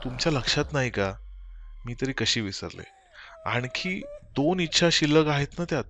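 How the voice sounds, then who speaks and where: A man voicing a grief-crazed elderly mother in an audiobook horror story, speaking frantically and shouting. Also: mid-range voice, normal speed, a little hiss or hum, lightly acted. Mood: desperate. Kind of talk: audiobook character voice.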